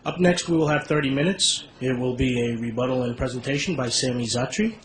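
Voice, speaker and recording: A man's voice: mid-range voice, fairly quick. A man moderating a debate, making formal announcements to the audience. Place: debate hall. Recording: echoey hall, loud background noise.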